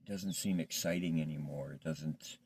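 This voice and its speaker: A man speaking without his teeth, slightly slurred, in a reflective, halting, rambling confessional monologue as a vlogger in addiction recovery. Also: steady tone, darkish tone, slight background noise. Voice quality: toothless, slightly slurred speech from not wearing his teeth; very deep, gravelly, husky. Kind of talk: casual confessional monologue to camera.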